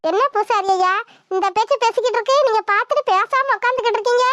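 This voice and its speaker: Cartoon granny, old and bossy, woman-voiced, very high squeaky voice, dry sound, nagging. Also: fast talker, fairly bright tone, no room sound. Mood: scolding. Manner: scolding, nagging, dramatic wailing. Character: bossy fussing old village grandmother.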